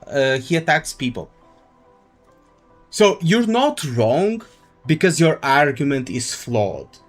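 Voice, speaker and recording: In a casual game livestream, a man with a medium-pitched, fairly bright voice offers commentary and opinions, repeating phrases to explain what he means. Faint music plays in the background.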